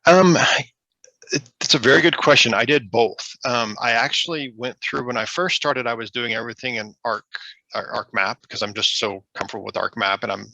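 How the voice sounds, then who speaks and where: A man's voice: mid-range voice, fairly quick, creaky, pushed and bright, no echo, low-quality recording. A man presenting at a conference over a video call, answering a question in a rambling, self-correcting way. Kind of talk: casual Q&A answer.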